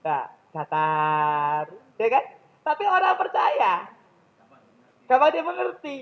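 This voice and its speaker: High-voiced Javanese man lecturing. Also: very animated, a little slow, creaky, lo-fi sound. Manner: questions the audience directly. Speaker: public speaking trainer. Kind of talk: lecture to a mosque audience. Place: mosque.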